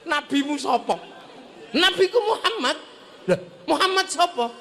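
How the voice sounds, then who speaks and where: Male preacher with a high voice, comic storyteller, faint background noise. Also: unhurried. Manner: animated, laughing, acts out voices. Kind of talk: humorous religious storytelling.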